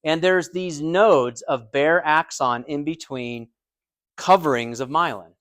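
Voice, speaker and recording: A man's voice: fairly high pitch, slow, a bit bright, no room sound. A man with an American accent teaching anatomy and physiology in a conversational lecture, explaining with everyday comparisons and checking in with his students. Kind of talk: recorded lecture.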